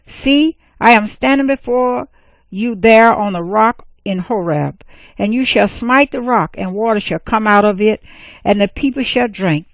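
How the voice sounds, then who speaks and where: God giving orders, read by a woman, solemn and steady, dry close sound. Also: mid-range voice, a little slow, dry recording, lightly acted, poor audio. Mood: commanding. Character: God, a male deity giving commands.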